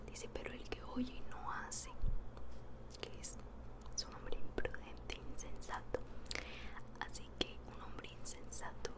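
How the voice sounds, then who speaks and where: A woman giving a soft ASMR Bible teaching in a breathy, barely audible whisper, hushed and explanatory. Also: takes it slowly, pauses often.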